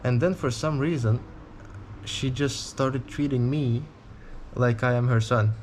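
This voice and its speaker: A man's voice: medium pitch, fairly even intonation, unhurried, slight background noise. Candid young man rambling in a vlog. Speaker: touring cyclist vlogger. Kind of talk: casual vlog talk to camera.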